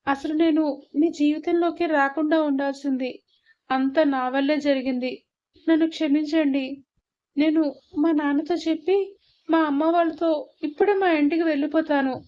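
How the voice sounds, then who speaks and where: A woman's voice: high voice, steady tone, moderate pace, long pauses, lo-fi sound, pitched above the performer's own voice, natural voice. A woman voicing a young female student wife who is crying and apologizing through sobs. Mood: tearful. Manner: sobbing, pleading, apologetic.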